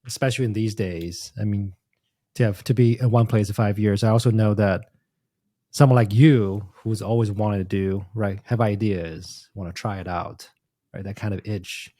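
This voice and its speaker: A man's voice: on the low side, steady tone, normal speed, mellow. A man from Taiwan hosting a podcast interview, asking questions and giving short affirmations. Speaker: podcast host. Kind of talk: casual interview.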